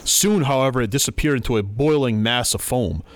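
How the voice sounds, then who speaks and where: A man's voice: mid-range voice, brisk. A man co-hosting a podcast in casual chat, telling stories with animation and reading quotes aloud. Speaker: podcast co-host.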